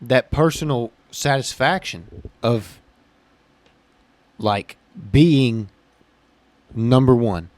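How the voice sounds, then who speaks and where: A man's voice: medium pitch, very slow, pauses often, a little mellow, no echo. A man co-hosting a casual podcast chat who explains his views in a plain, matter-of-fact way, peppered with "literally" and "like", recorded in a small building. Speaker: podcast co-host.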